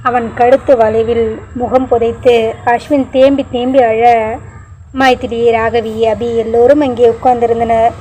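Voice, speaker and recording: A woman storyteller reading a serialized family story aloud in steady narration. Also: fairly high pitch, a little slow, slight background noise, poor audio.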